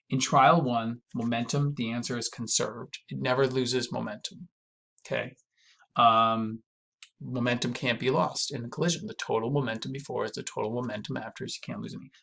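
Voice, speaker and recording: A man's voice: mid-range voice, creaky, a bit bright. A man, a physics teacher, walking students through a homework problem in a casual, chatty, reassuring recorded lesson.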